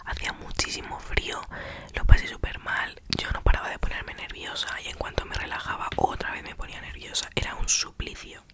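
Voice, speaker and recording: A woman with an accent from Spain whispers a casual ASMR storytime a little fast, her voice breathy and unvoiced. She retells the story colloquially and acts out the dialogue.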